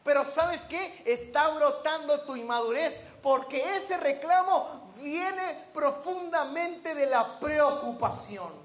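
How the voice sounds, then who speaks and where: High-voiced man preaching a lively sermon. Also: takes it slowly, hardly any pauses. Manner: animated, peppered with rhetorical questions to the congregation; acts out quoted voices of others.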